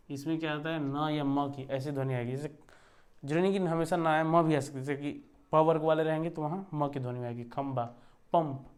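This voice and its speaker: A man teaching a lesson, explaining step by step and checking in with his students as he writes. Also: a little high. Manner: explains step by step, often asks ठीक है. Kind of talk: classroom lesson.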